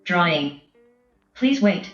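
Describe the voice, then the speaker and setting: Glitchy robot lady ai voice, pitch jumping around, echoey and muffled with faint music. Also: very animated, slow pace, fairly bright tone, heavily acted. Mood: flat. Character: female robot AI assistant voice. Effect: robotic text-to-speech with glitchy pitch jumps. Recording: echoey, dull speaker playback with faint music.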